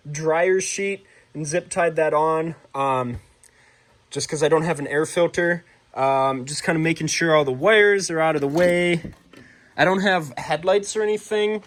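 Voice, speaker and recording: Young guy, slightly high voice, casual garage vlogger, excitable and self-deprecating. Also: moderate pace. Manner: chatty, self-deprecating, excitable, many fillers. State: out of breath. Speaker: car builder vlogger. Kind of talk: casual vlog narration.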